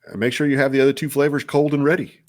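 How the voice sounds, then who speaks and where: A man's voice: medium pitch, flat delivery, rapid-fire. A man co-hosting a casual live review show, easygoing and agreeable, chuckling often. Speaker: co-host of a soda review show.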